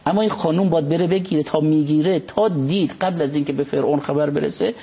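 A man, a religious scholar, reciting Arabic passages and explaining them in an unhurried conversational commentary. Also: a little high, steady tone, breathy edge. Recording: dull lo-fi recording.

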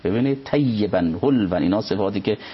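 A man, a religious scholar, reciting Arabic passages and explaining them in an unhurried conversational commentary. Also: fairly low pitch, slightly rough. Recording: dull lo-fi recording.

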